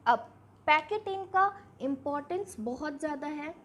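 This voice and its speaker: A woman's voice: sits high, animated, a little slow, a bit bright. A woman teaching a biology lesson step by step, posing questions to her students and answering them herself. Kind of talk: online exam-prep lesson.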